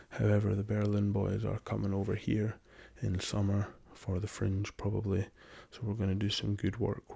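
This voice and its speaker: Low, raspy and flat, the voice of this young ASMR host is strained by a lingering cough, its dark tone kept gentle. He talks about travel slowly and hesitantly, peppering his speech with ums and repeatedly sinking to a whisper.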